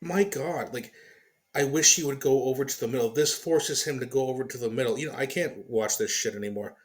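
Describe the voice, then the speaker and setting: A man's voice: mid-range voice, a little fast. Exasperated male commentary host, swearing. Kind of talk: ranting reaction commentary.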